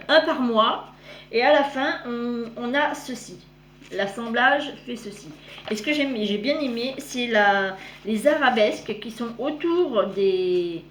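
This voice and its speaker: A woman's voice: fairly high pitch, slight background noise. A woman chatting casually through a show-and-tell vlog, meandering and often correcting herself mid-sentence. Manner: addresses viewers warmly as "girls". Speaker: cross-stitch vlogger. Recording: roomy echo.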